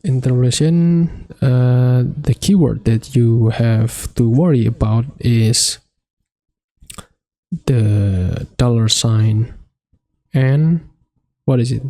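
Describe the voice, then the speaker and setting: In a coding tutorial recorded from his screen, a slow-talking Indonesian man with a gravelly, mellow, mid-range voice explains his work. There's no echo, and he hesitates and halts over his phrasing, as Indonesian is his first language.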